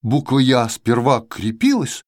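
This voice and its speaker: Expressive man reading a children's poem. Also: medium pitch, measured pace, no echo, clean studio sound. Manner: expressive, sing-song storytelling. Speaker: narrator.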